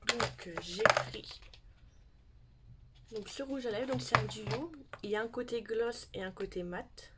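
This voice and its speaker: A woman's voice: medium pitch, very noisy. A woman in her thirties chatting casually as she shows her beauty purchases in a home video. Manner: chatty, showing products to camera. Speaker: beauty YouTuber. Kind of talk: casual haul vlog.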